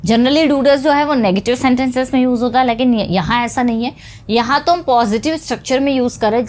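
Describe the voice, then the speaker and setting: A woman with an Indian English accent teaching an English lesson, explaining patiently and saying example phrases slowly. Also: a little high. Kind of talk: spoken English lesson in Hindi.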